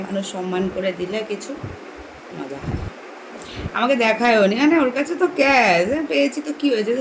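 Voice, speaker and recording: Fast-chatting young woman vlogger. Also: mid-range voice, noisy background. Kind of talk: casual daily vlog talk.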